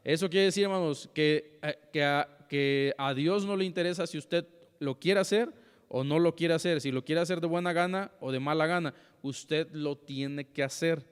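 A man's voice: on the high side, moderate pace, clear, resonant tone. A young man teaching a church Bible class in a conversational way, often checking in with his listeners. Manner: conversational, often asks "¿sí?" and addresses "hermanos". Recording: long hall reverb.

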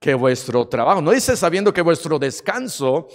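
Male preacher, high voice, emphatic and repetitive delivery, long hall reverb. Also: big pitch swings, moderate pace. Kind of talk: sermon.

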